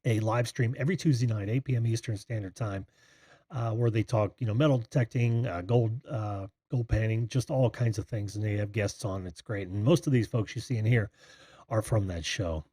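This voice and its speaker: A breathy American man hosts a casual live call-in stream. His tone is soft-edged and dark, in a dry-sounding space. He rambles in a distracted way and addresses viewers like old friends. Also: lowish voice, moderate pace, no echo. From Indiana, United States. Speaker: host of a live call-in show.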